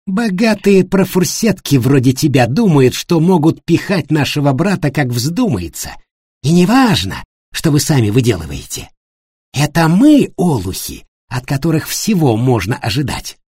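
A man voicing an angry, resentful male hotel worker who shouts scornfully. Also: a little high, big pitch swings, moderate pace, breathy edge, no room sound, studio quality, pitched above the performer's own voice. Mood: furious.

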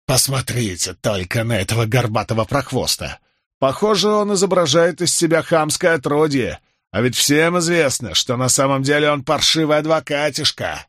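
A man voicing a bitter young male prisoner who shouts insults. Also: mid-range voice, moderate pace, no echo, studio quality, voice pushed up, natural voice. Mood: jeering.

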